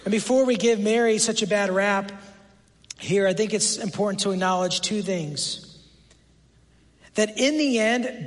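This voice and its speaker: High-voiced man preaching in a reverberant hall. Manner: animated storytelling, acts out quoted voices. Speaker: pastor. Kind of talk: sermon.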